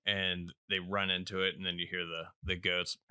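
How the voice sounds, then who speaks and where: A low-voiced man co-hosting a podcast in an easygoing chat. His tone is bright and forceful, and the recording is dry and close. He talks in a laid-back, halting way and chuckles easily. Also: flat delivery, smooth, no echo. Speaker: podcast co-host. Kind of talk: casual chat.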